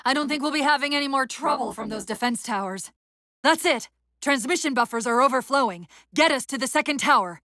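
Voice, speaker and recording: This female AI partner from a military sci-fi video game has a high, bright, expressive voice, recorded close and dry. Focused and brisk, she sounds urgent as she snaps out crisp tactical orders laced with sardonic, dry wit.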